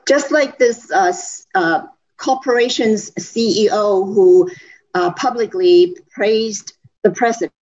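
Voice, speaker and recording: A woman interprets a sermon in slow, careful phrases and pauses briefly to find her words. Her voice comes through a dull, lo-fi phone line that takes the crispness out of it. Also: mid-range voice, a little mellow. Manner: slow, measured phrase-by-phrase rendering with hesitations.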